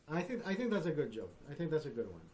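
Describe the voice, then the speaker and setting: A man's voice: a little high, a little mellow, slight background noise. A man in his fifties hosting a live stream, telling a long dirty joke in loose, profane casual talk, often laughing and adding "bro" and "right?". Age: 50s. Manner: laughs often between lines.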